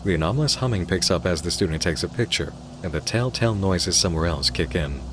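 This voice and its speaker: Really low voiced guy doing scripted video essay narration, noisy footage sound behind him. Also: animated, quick pace. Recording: clear background noise under voice.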